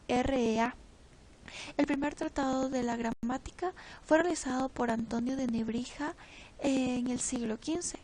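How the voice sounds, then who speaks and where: A teenage girl reading a class presentation from notes, pausing and stumbling over words now and then. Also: high voice, warm tone, low-quality recording. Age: teens. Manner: reads from notes with pauses and slips. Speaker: student presenter.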